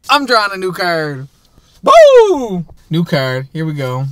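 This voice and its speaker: A young man talking casually and excitably to the camera from inside a car. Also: high voice, takes it slowly, clean tone. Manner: excitable, upbeat.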